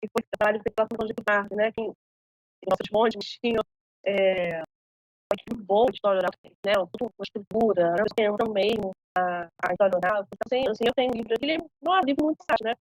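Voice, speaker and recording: A woman's voice: medium pitch, fast, no room sound, rough recording. A woman moderating an online academic seminar, talking hesitantly with many fillers and tag questions.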